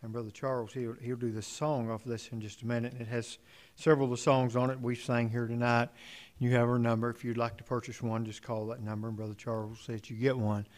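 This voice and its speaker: Halting, rambling gospel group singer. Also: male voice, mid-range voice, little pitch movement, a little mellow. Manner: rambling, halting, many fillers. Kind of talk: casual stage talk.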